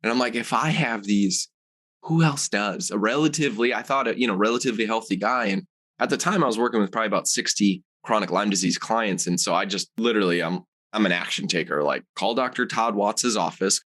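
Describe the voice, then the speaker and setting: Male podcast guest, lower register, casual animated storyteller, loose and filler-heavy. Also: fast talker. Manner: animated, rambling with many fillers. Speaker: guest, supplement company founder.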